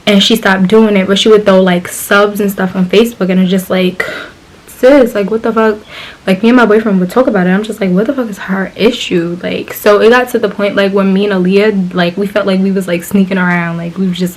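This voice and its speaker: A young woman tells a story from her own life in loose, chatty speech, packed with fillers and slang. Her voice sits at an ordinary middle pitch for a woman. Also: steady tone, a little fast, low-quality recording. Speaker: vlogger. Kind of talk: casual storytime.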